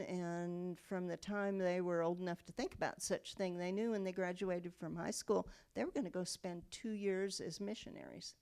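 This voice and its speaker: A woman's voice: on the low side, gravelly, darkish tone, clean tone. A woman, telling her family story in an oral history interview. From United States. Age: 70s. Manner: reflective storytelling with frequent um and okay.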